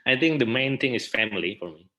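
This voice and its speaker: An Indonesian man, a native Indonesian speaker with an Indonesian accent, is interviewed as a theater practitioner and answers hesitantly in English while searching for words. His mid-range voice is animated, fast and sharp, on a low-quality recording.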